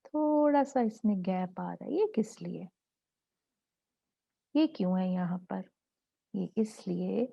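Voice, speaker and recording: Slow, patient woman tajweed teacher. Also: mid-range voice, muffled recording. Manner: patient, asks and answers her own questions, demonstrates sounds. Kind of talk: slow step-by-step lesson.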